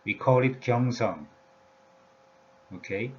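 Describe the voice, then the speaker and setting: Slow, halting male teacher. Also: medium pitch. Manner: halting, many "uh" and "yeah" fillers. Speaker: language teacher. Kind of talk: slow explanatory lecture. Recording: dull lo-fi recording with faint room noise.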